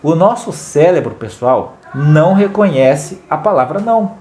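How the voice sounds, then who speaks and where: A man's voice: a little high, animated, unhurried, darkish tone, a little hiss or hum. A man co-hosting a family advice talk, explaining patiently and repeating key words for emphasis. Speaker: co-host giving family advice. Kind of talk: casual talk to viewers.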